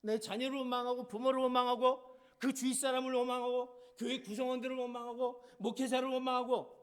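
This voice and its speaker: A man's voice: very high-pitched, level tone, fast, smooth. A man preaching a sermon as pastor, with emphatic delivery and repeated rhetorical questions.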